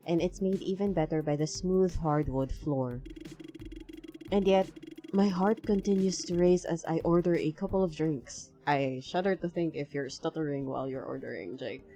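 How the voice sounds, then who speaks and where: Low-voiced woman rambling through a game. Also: dark tone. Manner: rambling, filler-heavy chat. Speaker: let's play streamer. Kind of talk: reading a visual novel aloud with commentary.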